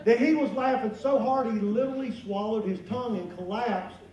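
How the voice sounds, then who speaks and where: A middle-aged man telling a comic story to an audience, animated and folksy, acting out exclamations and sound effects. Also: very high voice, fairly quick. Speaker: luncheon guest speaker. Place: large event room at a lunch. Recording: echoey hall from far off, room noise.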